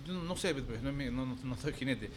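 A man, co-hosting a studio panel and asking quick, probing questions. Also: mid-range voice, background noise. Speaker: co-host. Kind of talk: casual interviewing.

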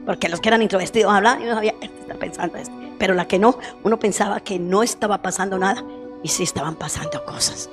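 A woman's voice: medium pitch, fast talker. A woman preacher giving a sermon, telling stories animatedly and acting out quoted voices. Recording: long hall reverb, faint music.

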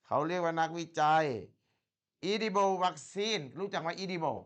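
Speaking with a high-pitched voice, this male tutor works one-on-one, using Thai for explanations and reading English with slow care. He keeps encouraging his student throughout.

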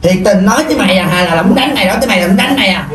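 A woman with a Southern Vietnamese accent playing a loud young mother caught gambling, who talks in rapid stammering repetitions. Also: medium pitch, lively intonation, a crowd in the background, natural voice. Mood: scolding. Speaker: comedy skit actress. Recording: roomy sound, far from the mic.

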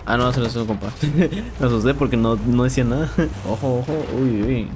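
A young man with a Mexican accent giving casual, excitable commentary while playing a shooter game, swearing and repeating words. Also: medium pitch, brisk. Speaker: gameplay streamer. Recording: game sounds and noise in background.

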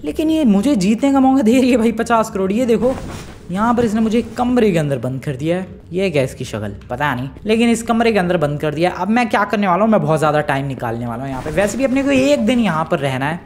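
A man giving lively, chatty commentary on his own gameplay, talking straight to his viewers. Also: high-pitched, quick pace, slight background noise. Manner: excitable, chatty, talks to viewers as "bhai" and "guys". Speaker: gaming YouTuber.

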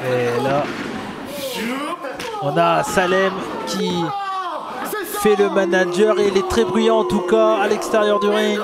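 A man giving excited live wrestling commentary, exclaiming as he calls the moves. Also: high voice, takes it slowly, long pauses, loud music behind the voice. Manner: exclamatory, calling moves as they happen. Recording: loud crowd noise throughout. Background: roaring live wrestling crowd.

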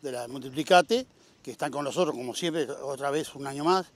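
Speaking fairly quickly at a medium pitch, this middle-aged man with a Uruguayan Spanish accent promotes tractors he sells at an outdoor farm fair. It's a relaxed interview, delivered with a salesman's upbeat energy and packed with frequent "este" fillers.

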